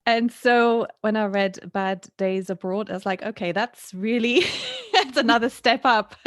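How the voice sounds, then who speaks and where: A woman's voice: a little high, unhurried, fairly bright tone, no echo, clean studio sound. A woman hosting a podcast interview, enthusiastic, laughing often and restarting her phrases. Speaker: podcast host.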